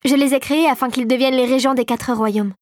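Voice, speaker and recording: A woman voicing an eager, inventive young girl who rules a toy kingdom, with a lively, raised voice. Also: high voice, fast talker, no room sound, clean studio sound, natural voice.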